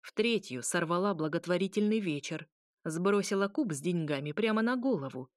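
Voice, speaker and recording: A woman's voice: lowish voice, expressive, normal speed, no echo, studio quality, close to an everyday voice. A woman voicing a smug ancient demon lord. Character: ancient scheming male demon marquis, smug.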